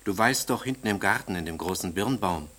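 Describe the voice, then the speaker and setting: A man's voice: low voice, lively intonation, a little fast. A man voicing an impatient, bossy queen in a storybook fairy tale, speaking in a raised, scolding voice. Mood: insistent. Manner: sharp, scolding.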